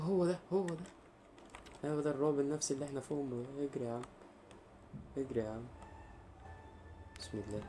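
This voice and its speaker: A man's voice: mid-range voice, background noise. A man with an Egyptian accent giving let's-play commentary on a horror game, full of jittery, nervous exclamations. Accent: Egyptian Arabic. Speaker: gaming YouTuber.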